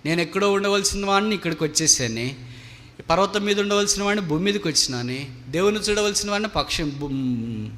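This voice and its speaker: A man's voice: mid-range voice, normal speed, a bit bright, lightly acted. A man preaching in a sermon, voicing a dying male eagle king who laments in repeated mournful phrases, his words ringing in a long hall reverb. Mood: sorrowful.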